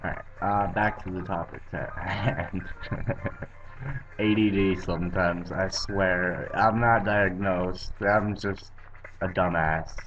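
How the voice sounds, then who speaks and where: Through dull lo-fi webcam audio, a young vlogger from Arizona, USA, rants about politics in a slow, low-pitched voice with fairly even intonation. His opinionated lecture to viewers is blunt and laced with swearing.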